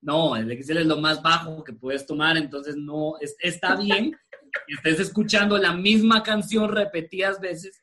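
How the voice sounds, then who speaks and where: Bright, high-voiced joking Guatemalan man. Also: steady tone. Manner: joking, crude slang, quick interjections. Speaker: podcast co-host. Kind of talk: casual chat.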